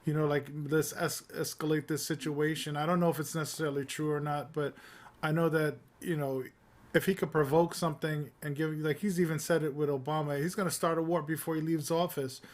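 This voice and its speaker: Rambling man, slightly high voice. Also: a little fast. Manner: rambling, many fillers and restarts, relaxed. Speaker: podcast co-host. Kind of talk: casual political discussion.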